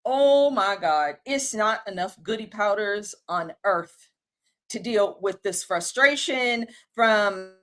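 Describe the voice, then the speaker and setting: A woman's voice: mid-range voice, animated, takes it slowly, a bit bright. A woman, hosting a livestream and ranting in an exasperated, casual, slangy way. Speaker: livestream host.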